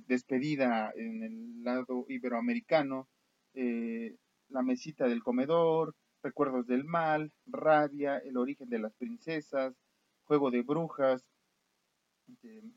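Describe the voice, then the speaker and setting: A man's voice: medium pitch, steady tone, slow pace, no echo. A man with a Mexican accent co-hosting a casual horror film podcast, listing titles with fillers and frequent laughs. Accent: Mexican Spanish. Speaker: podcast co-host. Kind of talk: casual chat about horror films. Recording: dull dry lo-fi audio.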